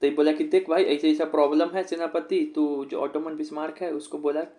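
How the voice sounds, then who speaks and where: A man gives an informal one-on-one history lesson. His voice sits a little high for a man. He repeats facts and keeps asking the student to say them back. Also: level tone, brisk, warm tone. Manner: repetitive, quizzing the student, mixing in English phrases. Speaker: tutor.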